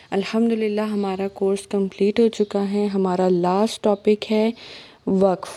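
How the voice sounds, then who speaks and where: A woman giving a calm, patient recitation lesson, explaining step by step. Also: medium pitch. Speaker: Quran recitation teacher.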